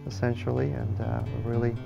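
A man's voice: medium pitch, flat delivery, brisk, creaky, muffled recording. A man from Slovakia, a legislative photographer, speaking earnestly in a documentary interview. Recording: interview with music underneath.

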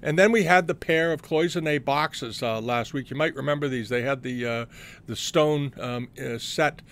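A man's voice: mid-range voice, moderate pace, a bit bright. A middle-aged man hosting an antiques show, talking casually through auction results with many fillers and restarts.

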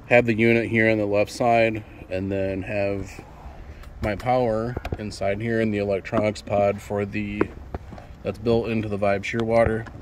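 A young man casually showing off a fishing build on a phone camera outdoors, rambling with many ums and restarts. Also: on the low side. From Michigan. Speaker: fishing channel host. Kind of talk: casual how-to vlog. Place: outdoors in an apartment parking lot. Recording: noisy outdoor phone recording.

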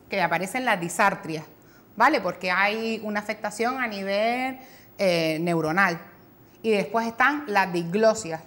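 A woman with a mid-range, slightly bright voice and a Canary Islands Spanish accent appears on a talk show as a speech therapist. She explains things patiently and methodically, occasionally imitating children's mispronounced words.

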